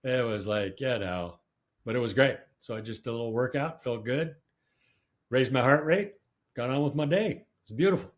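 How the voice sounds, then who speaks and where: A man co-host chats casually, breezy and emphatic, and often checks in with "right?" His voice sits at an ordinary middle pitch for a man. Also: normal speed. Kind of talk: casual panel chat.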